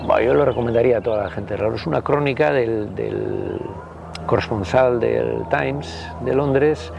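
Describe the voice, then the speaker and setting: Muffled and set against background noise, the recording captures a Basque man in his sixties, a party member being interviewed. With a medium pitch and vocal fry, he speaks Spanish with a Basque accent, rambling and pausing through anecdotes studded with tag questions.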